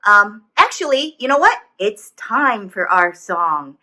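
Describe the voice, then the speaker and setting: A woman voicing a goofy, excitable puppet who hosts a children's storytime in a rambling, chatty way. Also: medium pitch, slow pace, exaggerated voice. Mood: excited, goofy. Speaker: children's show host.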